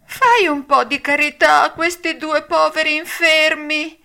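A woman's voice: high voice, level tone, unhurried, vocal fry, bright, forceful tone, voice pushed up, heavily acted. A woman doing a whining, pleading fox beggar. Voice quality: whiny, pleading.

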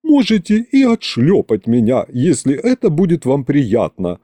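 A man's voice: huge pitch swings, unhurried, warm tone, no room sound, heavily acted. A man voicing a sly, flirtatious male palace butler who talks in a coy, mocking way. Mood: teasing. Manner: coy, mocking, higher-pitched.

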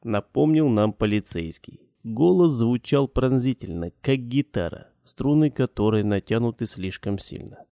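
A man reading a first-person audiobook in a measured, matter-of-fact way. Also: medium pitch, expressive, creaky, warm tone, dry recording, studio quality. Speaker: audiobook narrator.

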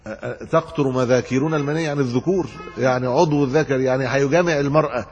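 Reading classical commentary and breaking into colloquial explanations, a man with an Egyptian Arabic accent teaches a hadith lesson at rapid-fire speed. His mid-range voice is steady and a little mellow; the recording has a long reverb tail, cut-off highs and soft background music.

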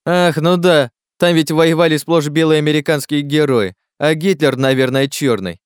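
A man voicing a sharp-tongued, mocking young man in an audiobook, pitched up. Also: moderate pace, smooth, dry recording, studio quality, close to an everyday voice. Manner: sarcastic, needling. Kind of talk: audiobook character voice.

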